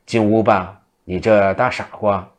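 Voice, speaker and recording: A seductive female demon , put on by a low-voiced male narrator coaxes and pleads in a storybook tale. The voice sits low and is barely changed from the narrator's own. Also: steady tone, unhurried, natural voice. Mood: coaxing. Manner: pleading, coaxing.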